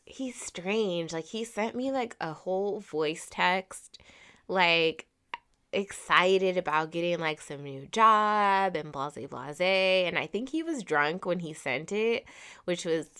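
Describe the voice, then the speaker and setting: A woman with a fairly low voice, chatting casually as a podcast co-host. She tells her story candidly, peppering it with "like" and swearing freely. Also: lively intonation, slow pace, fairly bright tone, clean tone. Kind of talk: casual chat.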